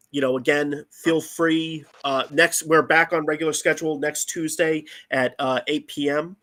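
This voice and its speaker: A man co-hosting a paranormal podcast, signing off in a halting, casual way with many restarts. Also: mid-range voice, a bit bright. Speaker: podcast co-host. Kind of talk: casual show sign-off.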